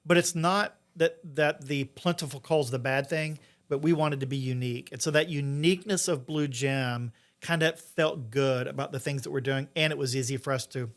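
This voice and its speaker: A man's voice: mid-range voice, normal speed, few pauses. A middle-aged man speaking conversationally as a guest in an interview, explaining things informally. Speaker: interview guest, entrepreneur and investor.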